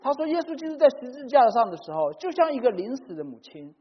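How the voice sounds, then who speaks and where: A man preaching a sermon in short phrases, pausing for an interpreter. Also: very high-pitched, sing-song, breathy edge. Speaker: pastor. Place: church hall. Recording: dull recording in a reverberant hall.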